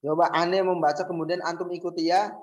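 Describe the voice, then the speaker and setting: A man's voice: high voice, level tone, fairly quick, a little mellow, lo-fi sound. A male teacher giving a language lesson, patiently drilling words and asking the class questions he then answers himself. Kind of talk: classroom lesson, reading words aloud for students to repeat.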